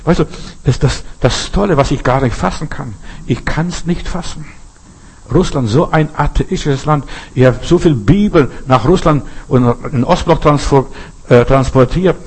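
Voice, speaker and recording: A man's voice: fairly high pitch, moderate pace, a little mellow, husky, low-quality recording. An older man preaching a sermon, who speaks straight to the listener and drives his points home through emphatic repetition. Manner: addresses listener directly with repeated "weißt du".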